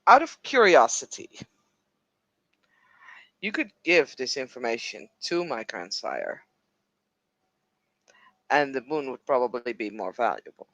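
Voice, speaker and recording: A man playing a guarded woman in a tabletop game, speaking in a cautious, measured way. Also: medium pitch, very animated, bright, forceful tone, dry recording, full character voice, rough recording. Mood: wary. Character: guarded woman, a wary vampire schemer.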